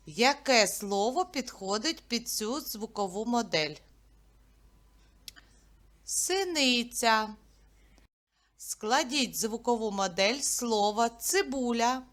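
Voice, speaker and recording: A woman with a fairly high voice teaching young children to read, speaking very slowly. She says each word clearly, sound by sound, then asks the class questions and waits for answers. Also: a bit bright. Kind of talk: early-years literacy lesson.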